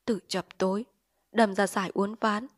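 A woman's voice: mid-range voice, fairly even intonation, normal speed, natural voice. A woman voicing a poor, grieving peasant husband who talks bluntly in plain country speech, weary and urgent, in a storybook reading.

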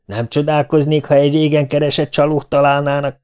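A man voicing an indignant, sharp-tongued middle-aged mother who scolds loudly in a raised, shrill voice. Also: monotone, smooth, lightly acted. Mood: scolding. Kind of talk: audiobook character voice.

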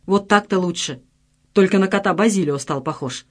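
A woman's voice: mid-range voice, moderate pace, natural voice. A woman voicing a sly young male gangster who comments with a wry, mocking tone.

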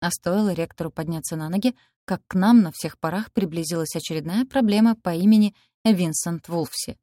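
Low, mellow woman narrating a fantasy audiobook. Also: fairly quick, no echo, studio quality. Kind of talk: scripted first-person narration of a fantasy novel.

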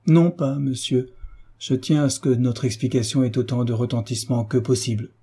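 A man reading the lines of an ironic, hunchbacked nobleman in a French audiobook, in a measured, slightly raised voice. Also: mid-range voice, fairly even intonation, mellow, breathy edge. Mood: coolly ironic. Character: marquis, hunchbacked older nobleman, ironic and cool.

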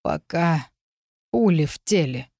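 A woman voicing a wounded young man, weak and tender, his voice dropped lower and slowed as he forces out halting words through pain. The audiobook reading is close and dry. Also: animated, gravelly, mellow, no room sound, full character voice. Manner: slow, strained, halting.

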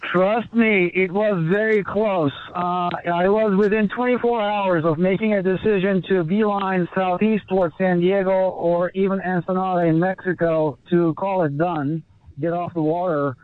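A man is heard over a thin, narrow satellite phone line with delay, relayed through a video call. His voice sits fairly high for a man. He answers in halting bursts, full of fillers and restarts. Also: fairly even intonation, no room sound. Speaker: ocean rower on an expedition. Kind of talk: remote interview guest. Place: small rowing boat out at sea.

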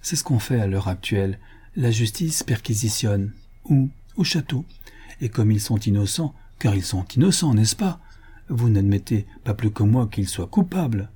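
A man voicing an anxious, resolute young woman in an audiobook, talking in quick, earnest questions. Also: fairly low pitch, lively intonation, dark tone, husky. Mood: worried.

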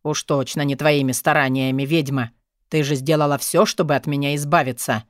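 A gruff, hoarse man speaks in a low, menacing half-whisper, as a woman narrator puts him on. The voice sits deep and grumbles each word with dry closeness. It suits a brooding rescuer in an audiobook. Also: moderate pace, dry recording, close to an everyday voice. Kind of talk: audiobook character voice.

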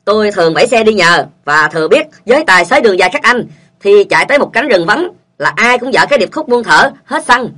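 A woman's voice: medium pitch, expressive, fast, bright, forceful tone. A woman reading short funny stories aloud and voicing their characters. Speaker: joke reader.

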